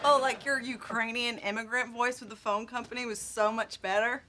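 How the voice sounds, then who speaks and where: A woman's voice: fairly high pitch, steady tone, moderate pace, bright, forceful tone. A woman playing a sarcastic, bossy wife in a sitcom. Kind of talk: sitcom acting. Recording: studio sitcom with audience laughter.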